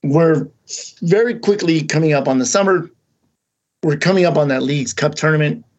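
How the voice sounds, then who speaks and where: A man's voice: a little high, normal speed, highs cut off. A man co-hosting a podcast, talking casually and rambling, with many restarts and fillers. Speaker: podcast co-host. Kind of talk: casual chat.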